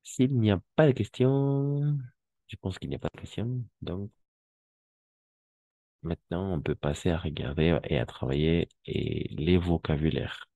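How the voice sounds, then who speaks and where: Male French teacher, very deep, unhurried, patient corrections, dry close sound. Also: dark tone, dry recording. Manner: patient, repeats and corrects pronunciation, mixes in Spanish explanations. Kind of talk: language class instruction.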